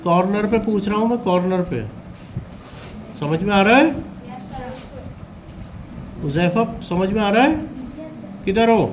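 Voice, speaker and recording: A high-voiced male teacher talks slowly and unhurriedly in a classroom, keeping watch over students during a test. He coaxes them gently and calls them by name, and a faint hum of the room stays in the background. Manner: calm, coaxing, addresses students by name.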